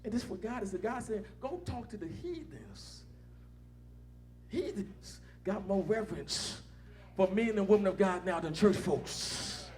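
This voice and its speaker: High-voiced preaching bishop, rising peaks. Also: male voice, moderate pace, a little mellow. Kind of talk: sermon.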